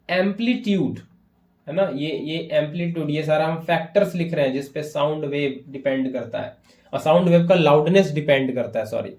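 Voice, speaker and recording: A man's voice: fairly high pitch, a little mellow. A man teaching a physics lesson for exam prep, explaining step by step in Hindi mixed with English terms and checking in often with his students.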